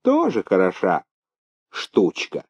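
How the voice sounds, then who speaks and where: A man's voice: lowish voice, wildly swooping pitch, slow pace, slightly rough, exaggerated voice. A man reading an audiobook, voicing a sly, chatty young housemaid who gossips and scolds in a raised voice, on a dull lo-fi recording. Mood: gossiping.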